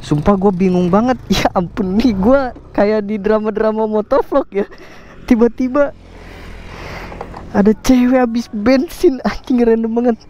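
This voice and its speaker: A man's voice: sits high, measured pace, mellow, a little hiss or hum. A young man vlogging by a roadside on his motorbike, talking in casual slang and soothing someone with repeated reassurances. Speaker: motovlogger host. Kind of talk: casual roadside vlog talk. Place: outdoors by a roadside. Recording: dull lo-fi sound with faint music.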